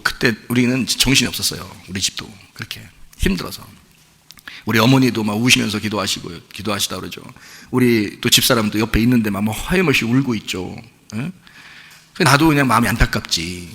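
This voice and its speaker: Man, middle-aged pastor, sermon, gravelly, lively pitch, long church reverb. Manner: conversational preaching with rhetorical questions. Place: church sanctuary.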